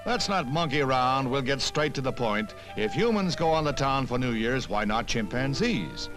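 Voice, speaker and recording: On an old film soundtrack with music, an American man reads scripted 1960s newsreel narration in a punchy, wry, punning style. His medium-pitched voice is expressive and moderately paced, though the audio is poor.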